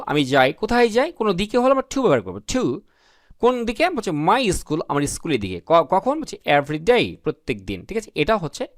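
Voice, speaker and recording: A man teaching English grammar to beginners, asking questions and answering them himself, reading example sentences slowly. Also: fairly high pitch, no echo, studio quality. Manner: addresses viewers as friends.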